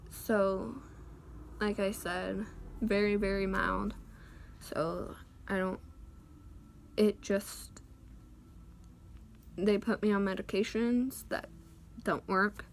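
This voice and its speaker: A woman vlogging at home and speaking slowly and haltingly to her camera. She pauses often and fills the gaps with ums. Her pitch sits at a middle height for a woman, and a faint hum of room noise runs underneath. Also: vocal fry. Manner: hesitant, many pauses and ums. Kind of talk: casual talk to camera.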